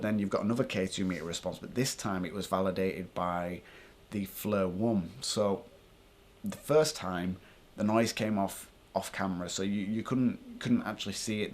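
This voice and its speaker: A man's voice: lowish voice, a little mellow. A British man talking casually and informally to viewers as a paranormal vlogger, thinking aloud as he explains.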